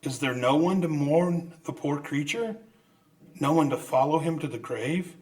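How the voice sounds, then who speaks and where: An actor playing Ebenezer Scrooge, a repentant old miser, in a theatrical, halting old-time radio drama style. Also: male voice, a little high, animated, a little mellow, recorded from a distance. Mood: mournful.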